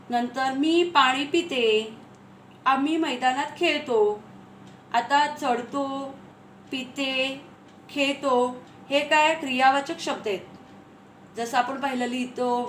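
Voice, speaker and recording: A woman teacher giving a grammar lesson, repeating key phrases slowly and asking her pupils questions. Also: high-pitched. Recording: echoey room, faint ambient noise.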